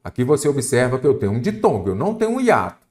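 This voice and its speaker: A man's voice: mid-range voice, wildly swooping pitch, racing, darkish tone. A man with a Brazilian Portuguese accent teaches an exam-prep grammar lesson, asking questions and answering them himself. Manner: didactic, asks and answers his own questions.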